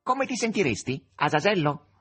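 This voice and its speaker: A man's voice: on the high side, very animated, normal speed, a bit bright, slightly rough, soft background music, voice pushed up, exaggerated voice. A man voicing a cheeky, chatty talking cat in a raised, theatrical way. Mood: pleading.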